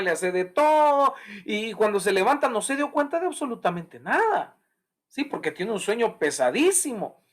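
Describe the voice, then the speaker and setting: A man preaches a Bible study as pastor. His pitch swings widely and animatedly as he tells stories, and he acts out other people's voices. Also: a bit bright.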